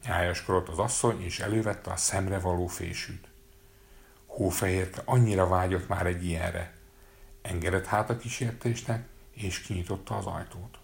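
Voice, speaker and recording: A man narrating a fairy tale in a measured storytelling manner. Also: low voice, steady tone, creaky.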